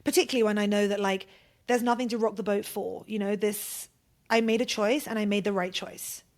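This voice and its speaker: Woman podcaster telling a story, super chatty, lots of "like", swears a bunch, mid-pitched voice. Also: steady tone, fairly quick, darkish tone. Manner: chatty, swears freely, heavy use of "like". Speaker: podcast host. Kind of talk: casual storytelling monologue.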